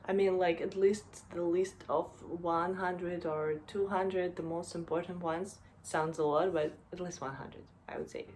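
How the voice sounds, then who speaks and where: A young woman who teaches German, a native Russian speaker, gives a casual explainer lesson on grammar. She's slow and relaxed, leaning on fillers and often checking in with "right?", her slightly low voice sitting over faint background noise.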